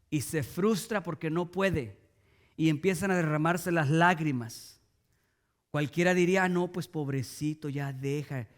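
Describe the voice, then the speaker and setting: Pastor guy, middle-aged, high voice, chatty sermon w/ questions to the crowd. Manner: conversational preaching with rhetorical questions to the audience.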